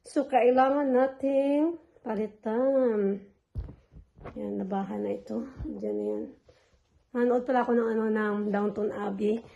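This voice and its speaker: Young mother vlogger, high voice, slow easy pace, casual chat with baby talk. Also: fairly even intonation, creaky, lo-fi sound, slight background noise. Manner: mixes Tagalog and English, sing-song baby talk to infant. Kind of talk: casual family vlog chat.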